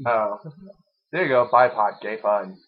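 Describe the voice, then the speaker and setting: A man's voice: fairly low pitch, a little slow. A man co-hosting a podcast, joking crudely and laughing in casual chat. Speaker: podcast co-host. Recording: dull lo-fi sound.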